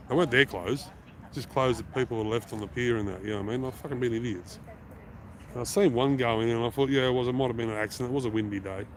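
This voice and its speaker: An Australian man talks on a live stream from outdoors, blunt and profane, often restarting his sentences. His voice sits at an ordinary middle pitch, with faint city traffic in the background. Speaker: livestreaming auditor. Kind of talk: casual live-stream chat.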